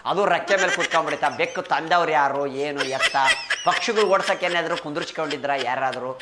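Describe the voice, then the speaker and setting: A fast-talking man with a voice on the high side hosts a satirical political news segment, and the audio is very noisy. Speaking in a rustic Karnataka Kannada accent, he delivers a chatty, folksy comic monologue full of rhetorical questions aimed at the audience.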